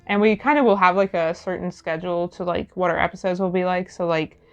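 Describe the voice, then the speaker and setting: A woman's voice: fairly low pitch, fairly even intonation, a little fast, smooth, lo-fi sound, soft background music. A young woman co-hosting a podcast, chatty and giggly as she reads out her research notes. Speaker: podcast co-host presenting research. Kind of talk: casual podcast chat. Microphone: studio mic.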